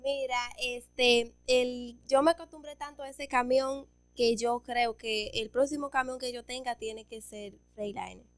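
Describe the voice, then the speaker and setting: A woman from the Dominican Republic with a Dominican accent, a truck driver telling stories in a lively, expressive chat. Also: on the high side, a little slow, few pauses, clear, resonant tone, no echo. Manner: chatty, expressive storyteller. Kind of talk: casual chat.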